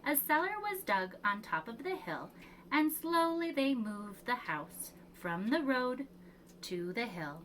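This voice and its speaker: A woman reading a children's picture book aloud as a preschool storyteller, with expressive, measured delivery and emphatic pauses. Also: on the high side, slight background noise.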